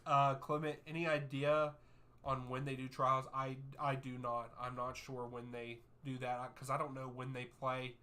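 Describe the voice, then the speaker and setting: A man's voice: mid-range voice, level tone, normal speed, bright, forceful tone. A man in his thirties hosting a live soccer watchalong stream, reading viewer names and answering their questions in an easygoing way. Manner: easygoing, reads out chat names and answers at length.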